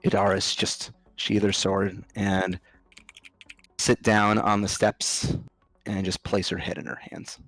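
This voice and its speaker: A man narrating a tabletop game as game master, halting and descriptive as he improvises. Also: on the low side, level tone, fairly bright tone, dry recording, soft background music.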